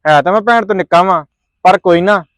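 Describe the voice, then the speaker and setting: A man playing a calm younger brother who consoles his brother-in-law on the phone. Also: high voice, fast talker, no echo. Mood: consoling. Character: younger brother of the mother, reassuring on a call. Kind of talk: family drama vlog acting.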